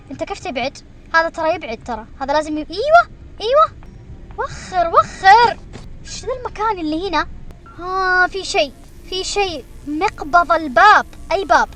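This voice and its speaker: High-pitched excitable gamer woman. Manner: excitable, shrieking when chased. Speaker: gaming streamer. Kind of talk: excited gameplay commentary.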